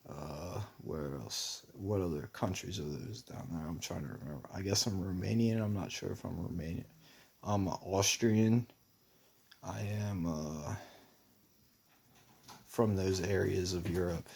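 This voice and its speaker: A man's voice: deep voice, unhurried, vocal fry, darkish tone, slightly rough. A young man talking in a rambling personal monologue, meandering with many fillers and restarts. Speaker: vlogger.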